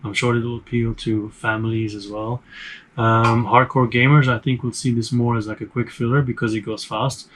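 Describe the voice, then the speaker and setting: A man's voice: medium pitch, level tone, moderate pace, fairly bright tone, a little hiss or hum, low-quality recording. A man hosting a board game review channel, talking casually to camera in a room full of game shelves, chatty and rambling, with many fillers and restarts.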